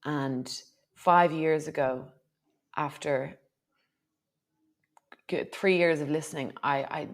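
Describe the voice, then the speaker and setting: A woman's voice: sits low, fairly even intonation, slow, pauses often. An Irish woman, a podcast guest who runs retreats, reflecting on her life story in a casual conversational interview. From Ireland. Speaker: podcast guest, retreat host and yoga teacher.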